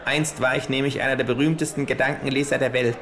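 A man's voice: medium pitch, fairly even intonation, fast, a bit bright, voice pushed up, lightly acted. A man voicing a cheeky, scheming male kangaroo who talks in a dry, laconic, mocking way.

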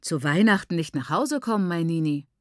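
A woman's voice: fairly low pitch, expressive, fairly quick, no echo, studio quality, close to an everyday voice. A woman reading an audiobook voices a kindly older uncle, barely changing her own voice. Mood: reassuring. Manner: warm, reassuring. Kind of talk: audiobook character voice.

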